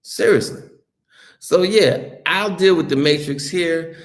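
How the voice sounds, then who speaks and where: A fairly high-pitched, slow-speaking American man reads comments from his live stream chat. His answers are casual and blunt, peppered with swearing and restarts, in a roomy, echoey recording.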